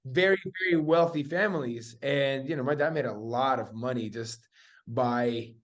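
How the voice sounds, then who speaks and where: As an interview guest, a young adult man from Spain chats casually and tells personal anecdotes. His mid-range voice moves at a moderate pace, and his language is slangy with occasional swearing.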